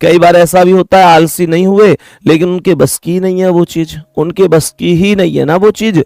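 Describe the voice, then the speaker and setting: Young guy teaching reasoning online, kinda high voice, dry close mic, says everything twice. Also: fairly even intonation, normal speed, creaky, a little mellow, dry recording. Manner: chatty, repeats key points, addresses students affectionately. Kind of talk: online exam-prep lesson.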